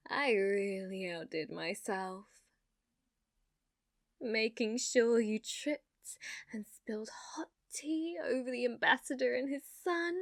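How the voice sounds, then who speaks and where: Gloating and mocking, a high-pitched woman acts out an ASMR roleplay as a haughty, sadistic young noblewoman, theatrical in her taunts and prone to breathy whispers. The sound is clean studio with no room tone.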